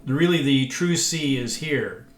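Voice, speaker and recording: Still getting over an illness and a bit congested, an older man talks about learning guitar in a casual, folksy, self-deprecating vlog chat. He speaks at a measured pace in a medium-pitched voice, with guitar playing in an echoey room.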